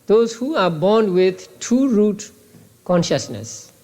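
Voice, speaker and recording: Older male monk, Burmese accent, somewhat high voice, patient halting lecturer who repeats words. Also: expressive, darkish tone. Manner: halting, repeats words, many restarts and uh's. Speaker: Buddhist monk teaching a class. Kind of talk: classroom lecture. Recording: old tape recording of a class.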